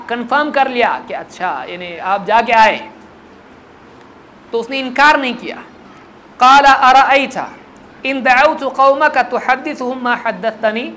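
A preacher delivers a hadith lesson at a mid-range pitch. Slow, measured Arabic recitation gives way to lively colloquial explanation, with the story's exchanges acted out. A faint hiss of noise sits under the voice. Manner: acts out the dialogue of the story. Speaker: Islamic preacher.

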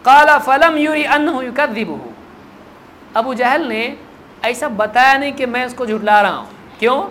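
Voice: sits high, fairly bright tone, a little hiss or hum. Preacher reciting then explaining. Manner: recites Arabic slowly, then explains in colloquial Urdu; acts out the dialogue of the story. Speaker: Islamic preacher. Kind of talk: hadith lesson sermon.

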